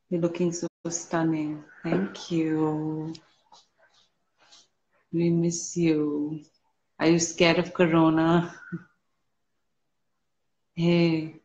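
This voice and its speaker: Woman, live-stream host, relaxed unhurried talk, slightly unwell, muffled phone audio. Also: low-pitched. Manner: slow, relaxed, answers comments one by one. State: a little unwell. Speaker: live-stream host reading fan comments. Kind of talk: casual live-stream chat.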